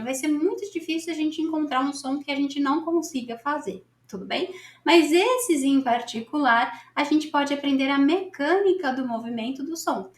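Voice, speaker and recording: A Brazilian woman with a Brazilian Portuguese accent gives a casual English lesson. She is chatty and encouraging, and keeps checking in with her listeners. Her voice sits high and sounds roomy and echoey. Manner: chatty, encouraging, keeps asking "tudo bem?". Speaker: English teacher.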